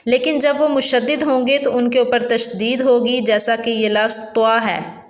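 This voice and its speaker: Woman, Pakistani Urdu accent, teacher, patient, repeats every point, higher voice, roomy echo. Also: steady tone. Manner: repeats each rule twice, slow and deliberate. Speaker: Quran recitation teacher. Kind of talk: patient step-by-step lesson.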